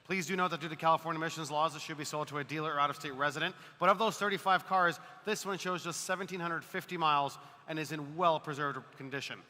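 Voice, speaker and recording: A man's voice: fairly high pitch, fast talker, pushed and bright. A man working as an auction announcer, presenting lots in an emphatic, promotional salesman's style. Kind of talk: promotional lot description. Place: large auction hall. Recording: reverberant hall.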